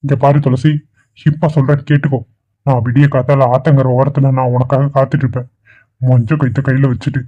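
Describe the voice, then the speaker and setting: A lovesick young cartoon man who pleads and pushes insistently, as a man voices him. His delivery stays flat and level. The sound is thin and tinny, like a phone line. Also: medium pitch, a little fast, close to an everyday voice. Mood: pleading. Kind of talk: dubbed cartoon dialogue.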